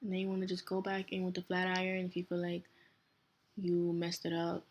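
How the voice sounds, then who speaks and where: A young Nigerian woman, accent clearly Nigerian, talks briskly and casually through a step-by-step hair tutorial. Her voice sits on the low side, and she stays relaxed and chatty, making small self-corrections.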